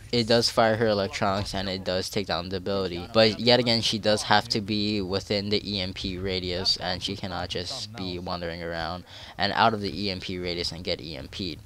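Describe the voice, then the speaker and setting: A young game guide creator with a deep, fairly bright voice sounds nasal and stuffy from a cold. He explains game mechanics in a tutorial voice-over, rambling into self-deprecating asides.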